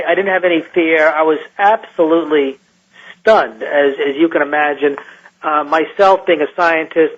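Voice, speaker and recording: A man who is a scientist recounts an encounter in a radio interview, halting and restarting often as he talks. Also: a little high. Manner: halting, with many restarts and fillers. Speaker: guest scientist. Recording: muffled lo-fi radio line.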